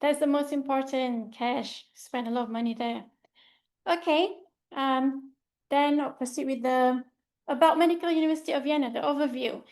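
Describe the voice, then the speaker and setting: Speaking from slides, a young woman from Malaysia who is training in medicine gives her report in an informal, loose way, full of fillers. She talks at normal speed in a high, slightly mellow voice.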